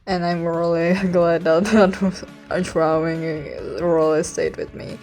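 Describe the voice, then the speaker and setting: Young adult woman, Czech accent, mellow slightly low voice, slow shy vlog rambling, kept quiet. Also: little pitch movement, soft background music. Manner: awkward, self-conscious, giggly, apologetic; keeping voice hushed so as not to be heard in the house. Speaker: online video creator. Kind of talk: casual rambling vlog chat.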